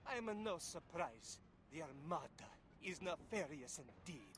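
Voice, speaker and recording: A man's voice: a little high, animated, measured pace, fairly bright tone, a little hiss or hum. An actor playing an earnest, stranded nobleman in a video game, speaking formally. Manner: formal, old-fashioned phrasing.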